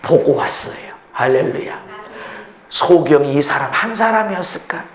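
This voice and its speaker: A male pastor preaching a sermon emphatically, swinging between shouts and hushed asides, in a church. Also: a little high, animated, moderate pace, roomy sound. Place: church sanctuary.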